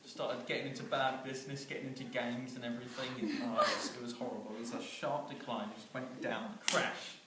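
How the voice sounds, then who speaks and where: A man's voice: medium pitch, little pitch movement, fairly quick, hardly any pauses. A man telling an absurd comic story, rambling and chuckling as he goes. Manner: rambling, chuckling, with many fillers and restarts. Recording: echoey room, far from mic, noisy.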